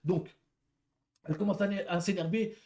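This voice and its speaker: A man's voice: sits high, steady tone, moderate pace, darkish tone. A man who works as a delivery rider, telling a story in a casual, rambling way, repeating words and talking to viewers as friends.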